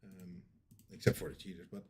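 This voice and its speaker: A man's voice: brisk, a little mellow. A man answering questions as a lead game developer, in a casual, hesitant way with many fillers and restarts.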